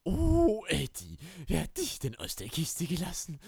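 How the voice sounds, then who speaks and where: A man's voice: fairly high pitch, huge pitch swings, measured pace, gravelly, darkish tone, husky, dry recording, studio quality, pitched above the performer's own voice, exaggerated voice. A man voicing a mad, mocking spirit king who has taken over a body, teasing and singsong in his threats. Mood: taunting. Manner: taunting, singsong, playful menace. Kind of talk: audiobook reading.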